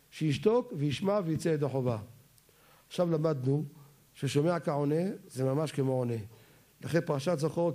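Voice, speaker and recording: A man delivers a Torah lecture on religious law. His voice sits a little high for a man yet sounds mellow and warm. He keeps putting questions to his listeners and then answers them himself.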